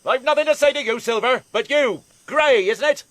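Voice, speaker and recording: An actor playing a stern, dry-witted British ship's captain in a radio drama, speaking in a clipped, imperious way. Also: male voice, extremely high pitch, normal speed, fairly bright tone, no echo. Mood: stern command.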